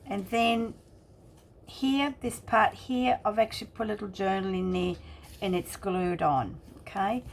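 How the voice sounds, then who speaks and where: A woman hosting a craft channel, talking casually and haltingly as she explains and shows each detail in a chatty walkthrough. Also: medium pitch, steady tone, a little hiss or hum. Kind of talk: casual craft flip-through narration.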